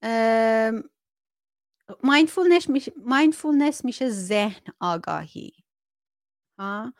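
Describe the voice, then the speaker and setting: Chatty woman with a higher voice. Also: lively intonation, no room sound, studio quality. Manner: chatty, laughs often, mock-strict imitations. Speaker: livestream host reading viewer comments. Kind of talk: casual chat about self-awareness.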